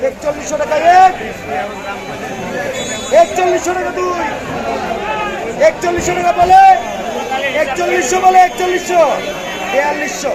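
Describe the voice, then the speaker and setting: Very high-pitched man chanting auctioneer bids. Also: steady tone, normal speed, pauses often. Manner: repetitive, insistent rhythmic calling of prices. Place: busy outdoor wholesale fruit market. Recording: loud market crowd and street noise. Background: busy market crowd, vehicles.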